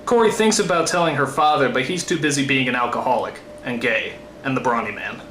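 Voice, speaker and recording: An American man hosts a scripted comedy review, sounding theatrically incredulous and prone to exasperated ranting. His mid-range voice is brisk with a fairly bright tone, and the recording has a roomy echo and faint background noise.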